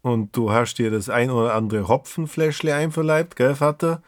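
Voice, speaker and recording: A man's voice: medium pitch, level tone, normal speed, no room sound, pitched above the performer's own voice, lightly acted. Man doing a teasing grown son. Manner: dry teasing.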